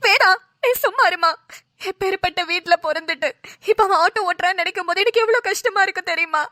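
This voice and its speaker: Dramatic mother-in-law, lamenting, very high pitch, cartoon, a woman voicing her. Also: fast talker, sharp tone, no room sound, studio quality. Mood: wailing. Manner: lamenting, wailing. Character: wailing mother-in-law, dramatic and self-pitying. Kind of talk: cartoon voice acting.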